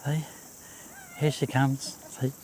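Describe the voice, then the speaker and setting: A man gives casual, unhurried commentary on a nature walk, outdoors by a babbling creek. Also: mid-range voice, little pitch movement, darkish tone. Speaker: walking vlog host. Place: outdoors on a bush walkway and swing bridge by a creek. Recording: outdoor ambience, faint insect noise. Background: cicadas, birds, babbling creek.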